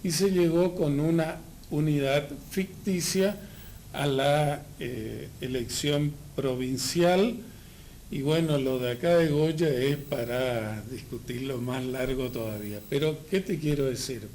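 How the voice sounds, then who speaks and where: An Argentine man interviews a guest on a political talk show. He talks very slowly and weighs each point with emphasis. A faint hiss of noise sits under his voice. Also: mid-range voice, darkish tone. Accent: Argentine Spanish. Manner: slow, measured, emphatic. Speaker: interviewer host.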